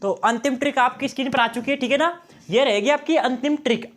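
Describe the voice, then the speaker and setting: A man's voice: extremely high pitch, fast talker, a bit bright. A male teacher giving an exam-prep lesson on memory tricks, often checking in with his students and repeating key phrases.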